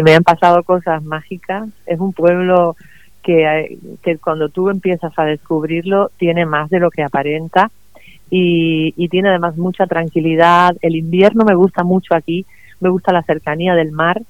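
A middle-aged woman from Cuba, a guest writer speaking warmly and laughing often in a remote radio interview. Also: on the low side, smooth, no room sound, rough recording. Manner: warm, enthusiastic, laughs often.

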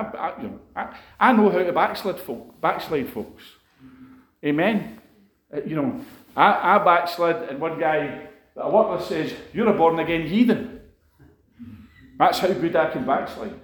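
Higher-pitched man preaching in an echoey room. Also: fairly bright tone. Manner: conversational storytelling, emotional, frequent fillers. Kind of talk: sermon testimony.

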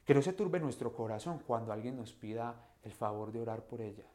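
Man preaching with sudden loud peaks. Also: mid-range voice, lively intonation, fairly quick. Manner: swings from hushed to loud emphatic peaks; reflective, explains scripture in own words. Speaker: preacher and vocal teacher. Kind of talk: devotional Bible talk.

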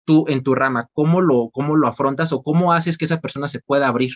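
A man's voice: medium pitch, fairly even intonation, fast. A Mexican man hosting an interview, asking long questions with frequent restarts. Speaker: interview host. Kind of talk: casual podcast interview. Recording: slightly dull lo-fi sound.

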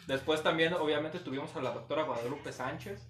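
A man's voice: fairly high pitch, fairly quick, echoey room, a crowd in the background. A man with a Mexican accent co-hosting a casual podcast chat, slangy and often laughing as he jokes. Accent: Mexican Spanish. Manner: slangy, laughing, acts out quoted voices loudly. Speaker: podcast co-host.

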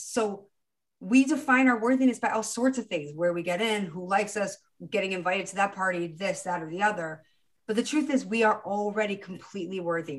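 Encouraging woman podcast host in her forties. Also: medium pitch. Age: 40s. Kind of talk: casual spiritual coaching talk.

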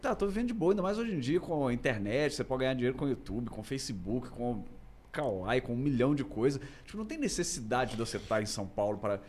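A man co-hosting a casual podcast chat, talking in lively quick bursts. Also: medium pitch, a little hiss or hum.

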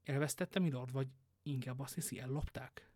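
A man's voice: mid-range voice, steady tone, a little mellow, no room sound, studio quality, lightly acted. Male reader voicing an anxious young guardsman in an audiobook, eager and urgent. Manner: urgent, questioning. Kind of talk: audiobook reading.

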